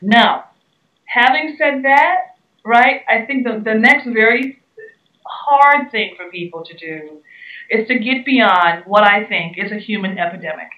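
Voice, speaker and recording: A woman from the Bahamas speaks earnestly, stressing and repeating her key words. Her voice sits a little high and comes from away from the mic. The room is echoey and the sound is dull. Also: a little slow, pushed and bright. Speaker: guest speaker and entrepreneur. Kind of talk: interview answers. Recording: roomy, distant, dull sound.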